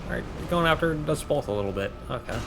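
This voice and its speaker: A man's voice: a little high, animated, fast, gravelly, noisy background. A man giving casual, joking commentary as he plays through a game. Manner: chatty, joking asides. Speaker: gameplay commentator.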